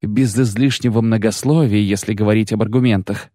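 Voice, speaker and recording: A man reading an audiobook, voicing a proud, sharp-tongued sorceress who speaks with biting, bitter mockery. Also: medium pitch, expressive, moderate pace, husky, dry recording, clean studio sound, pitched above the performer's own voice. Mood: scornful. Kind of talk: audiobook character voice.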